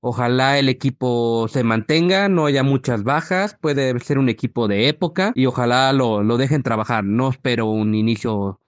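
Hoarse, gravelly man. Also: mid-range voice, moderate pace, few pauses, no echo. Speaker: fan podcast contributor. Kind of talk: recorded match commentary for a fan show.

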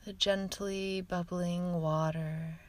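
Slow, soft-spoken woman guiding meditation. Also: fairly low pitch, flat delivery, no room sound. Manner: soft, slow and soothing, drifting often into whispers. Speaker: meditation guide. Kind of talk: guided meditation narration.

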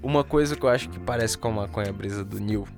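A man's voice: on the low side, fast, gravelly. A Brazilian man with a lisp on his s sounds, hosting a casual, slangy chat. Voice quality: lisping, tongue-tied s sounds. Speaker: podcast host. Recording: music playing under the voice.

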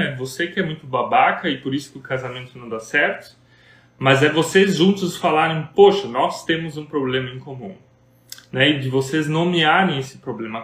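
In a roomy, echoing recording, a Brazilian man co-hosts a marriage talk, earnest and preacherly, asking one question after another. He has a Brazilian Portuguese accent, and his voice is somewhat bright and a little high for a man.

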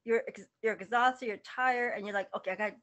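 A woman chatting as a podcast guest, talking in halting bursts full of restarts and fillers. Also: mid-range voice, steady tone, fairly bright tone. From lives in the United States. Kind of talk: casual interview chat.

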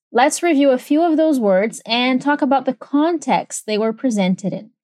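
A woman hosts an English lesson, with a fairly high voice and a close, dry sound. She reads English phrases slowly and carefully, then explains them in brisk Portuguese. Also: a little mellow, no room sound. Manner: switches between slow careful English and fast Portuguese. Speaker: English teacher and podcast host. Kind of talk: bilingual language lesson.

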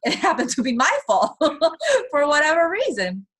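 A woman from Taiwan, a guest in an interview, telling her personal story in a soft voice with nervous little laughs. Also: high voice, huge pitch swings, unhurried. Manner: soft-spoken, laughs nervously between painful memories.

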